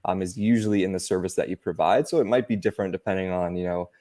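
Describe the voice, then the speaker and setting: A man from San Francisco, interviewed as a guest in a webinar. His voice is low and mellow. He answers in a relaxed, measured way with easy fillers. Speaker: agency CEO, guest.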